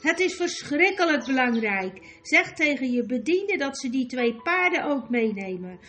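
A woman's voice: high voice, sing-song, a little slow, a bit bright, a little hiss or hum, heavily acted. A woman reading an audiobook voices a proud young girl on the run, talking urgently and insistently. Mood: pleading. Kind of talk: audiobook character voice.

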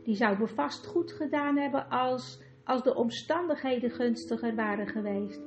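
A woman reading an audiobook and voicing a greedy, excitable sixty-year-old man who gushes and schemes. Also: fairly high pitch, moderate pace, lo-fi sound, over music, natural voice. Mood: musing. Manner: gushing, scheming, rubs hands with glee. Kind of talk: audiobook character voice.

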